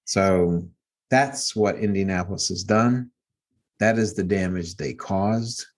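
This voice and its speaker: A middle-aged man with a lowish voice hosts a casual podcast chat. He talks in a wry, theatrical way, spinning mock-grand rants with dry humor. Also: slow. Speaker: podcast host.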